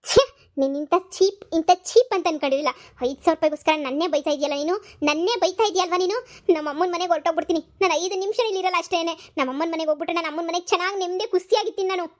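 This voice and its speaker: A woman's voice: extremely high pitch, very fast. A woman voicing a sulky, vain young wife from a village who has started college, whining and snapping in a cartoon comedy. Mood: hurt. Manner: whiny, sulking, sharp-tongued.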